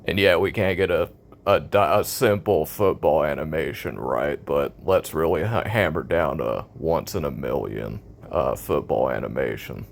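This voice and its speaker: A man's voice: very deep voice, moderate pace, creaky. An American man in a casual, opinionated rant about a video game, blunt, cynical and sarcastic in his complaints.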